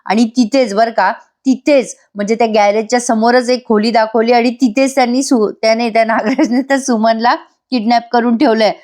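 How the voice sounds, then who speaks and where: Woman, voice-over episode reviewer; chatty, addresses viewers directly, slightly high voice. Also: fairly even intonation, normal speed, a little mellow. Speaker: TV serial reviewer.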